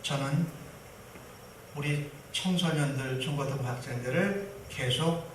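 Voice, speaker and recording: A man voicing a devout young man who quietly pleads in prayer, inside a sermon. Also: high-pitched, unhurried, recorded from a distance, a little hiss or hum. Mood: pleading. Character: earnest young man praying humbly. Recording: roomy hall from afar.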